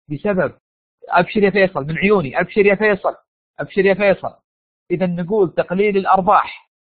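In dry, echo-free, phone-like audio from a live online class, a Saudi university lecturer speaks in a high voice with a Saudi Arabian accent. Though sick with a sore throat, he stays animated, coaxing his students through quiz questions.

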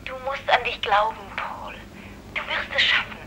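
Actress as a high-voiced worried partner, noisy line. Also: female voice, normal speed, lightly acted. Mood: urgent, encouraging. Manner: concerned, probing, urgent. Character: worried, loving female partner, pressing and encouraging. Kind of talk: naturalistic film acting. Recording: noisy phone call with crowd behind.

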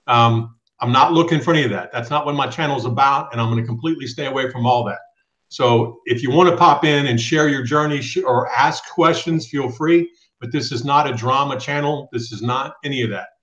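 A man's voice: medium pitch, brisk, a bit bright. A middle-aged man hosting a live trucking show over a video call, firm and direct as he reads out viewer questions. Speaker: host of a live trucking channel. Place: small home room. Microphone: webcam on a video call. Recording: roomy, dull webcam audio.

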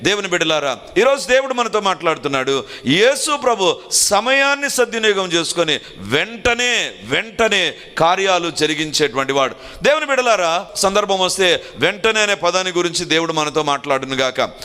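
High bright-voiced male preacher. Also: sing-song, normal speed, clean tone. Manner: earnest preaching, repeating phrases for emphasis, mixing in English lines. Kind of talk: sermon.

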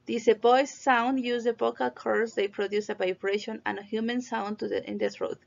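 A woman teaching English pronunciation in a patient, slow way, repeating words for students to echo. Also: fairly high pitch, steady tone, vocal fry. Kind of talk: classroom video lesson on pronunciation. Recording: muffled lo-fi recording.

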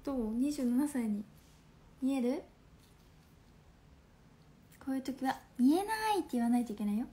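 A woman in her twenties from Fukuoka with a Hakata accent, chatting playfully on a phone livestream at home, laughing often and slipping into soft asides. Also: fairly high pitch, normal speed, pauses often. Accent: Hakata dialect. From Fukuoka, Japan. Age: 20s. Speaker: livestream host. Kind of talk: casual livestream chat reading viewer comments.

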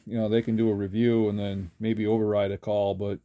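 An older man talking casually while sorting trading cards, rambling with halting restarts. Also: lowish voice, level tone, warm tone, no echo. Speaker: trading card collector. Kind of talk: casual card-flipping commentary. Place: indoors at a table.

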